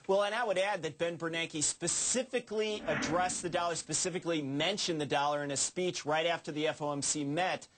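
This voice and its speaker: High-pitched male market analyst. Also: fairly quick, hardly any pauses, background noise. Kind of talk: cable business news discussion.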